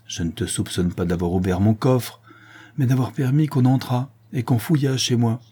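A man reading the part of a commanding, ironic gentleman thief in an audiobook, grave and mocking. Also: medium pitch, normal speed, husky, voice pushed up, close to an everyday voice. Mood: stern.

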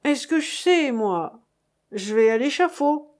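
A woman voicing a hunted, beaten-down man who pleads in hushed, plaintive tones. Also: very high voice, expressive, slow, voice pushed up, exaggerated voice.

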